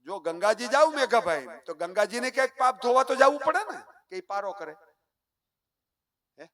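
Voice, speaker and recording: Folk religious storyteller, man in his 50s, Kathiawadi Gujarati accent, higher voice, dramatic hushed-to-loud delivery. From Saurashtra, Gujarat. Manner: animated, swings from hushed to loud declaiming, half-sung lines. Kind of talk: devotional folk storytelling for a live gathering. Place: live stage before a village gathering.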